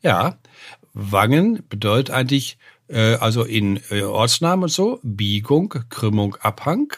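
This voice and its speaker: Speaking a little slowly in a mid-range voice, this elderly name researcher and professor lectures on word origins for a podcast. He keeps tagging sentences with "ne?" and filling gaps with "äh," his pitch rising animatedly, all captured cleanly in studio quality with no echo.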